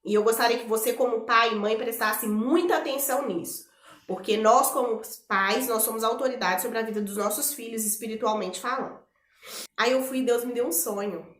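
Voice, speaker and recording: A woman with a Minas Gerais accent, telling a family story to camera in a chatty, animated way with many fillers. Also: on the high side, moderate pace, roomy sound. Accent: Minas Gerais Portuguese. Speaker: vlogger and mother.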